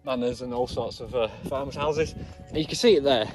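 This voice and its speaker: A man's voice: mid-range voice, a little fast. Chatty young man outdoors. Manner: chatty, loose, full of fillers. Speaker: travel vlogger. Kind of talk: casual outdoor vlog chat. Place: outdoors in a grassy field. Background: background music.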